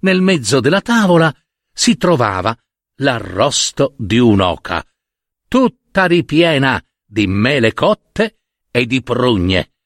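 A man narrating a fairy tale in an expressive, dramatic storytelling manner. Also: medium pitch, slow pace, no room sound, clean studio sound.

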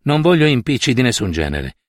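Man doing a bossy old landowner, mocking tone, swooping lively delivery, dry close sound. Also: mid-range voice, fairly quick, no echo, close to an everyday voice. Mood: businesslike. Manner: mocking, commanding, brusque.

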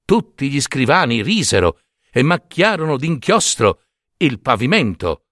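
A man telling a fairy tale in an animated, playful reading style. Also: mid-range voice, a little slow, dry recording, clean studio sound. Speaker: storyteller.

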